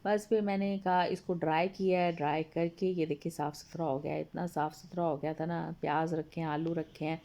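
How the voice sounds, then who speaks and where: Woman, home vlogger voice-over, slightly hoarse, low, flat and mellow, homely and polite. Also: brisk, hardly any pauses. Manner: chatty and homely, addresses viewers politely. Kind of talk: casual voice-over narration of a home video. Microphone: voice-over recorded apart from the video.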